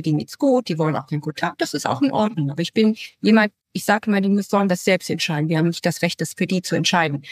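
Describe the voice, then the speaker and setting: A woman's voice: fairly low pitch, dry recording. A woman from Nepal who grew up in West Papua, a guest in an interview, telling her story earnestly and at length, often restarting her sentences. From Nepal, raised in West Papua. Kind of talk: conversational storytelling.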